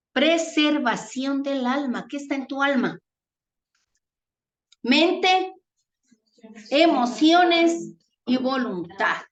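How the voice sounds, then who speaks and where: A woman from Ecuador preaching a sermon, earnest and tender, calling her listeners family. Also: fairly high pitch. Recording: echoey room.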